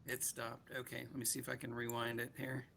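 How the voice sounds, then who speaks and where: A man's voice: medium pitch, completely flat delivery, a little fast, creaky, fairly bright tone, a little hiss or hum. A man on a video call with clipping, distorted mic audio, casually showing his robot project and talking with many ums and restarts. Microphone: computer mic on a video call.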